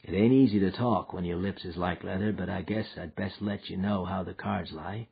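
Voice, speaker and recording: A tired frontier man murmurs in a low, husky drawl, soft and patient with the little one beside him, as a male reader plays him. The voice sits deep and rough, and the recording is slightly dull and lo-fi. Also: normal speed, full character voice. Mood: gentle. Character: weary frontier man, gentle with the child.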